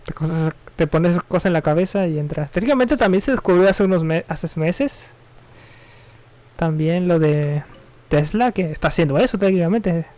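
A man's voice: a little high, expressive, normal speed, darkish tone. A young man chatting casually and rambling with slang while he streams a game. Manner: rambling, offhand, slangy and self-correcting. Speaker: gaming streamer. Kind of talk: casual live-stream chat while gaming.

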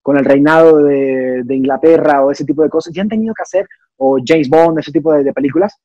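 Speaking fairly quickly with a fairly high voice, a young man from Cuba who works as an actor and singer explains his ideas in a casual interview. He is thoughtful, and his speech is full of restarts and fillers. The recording is dry and sounds muffled.

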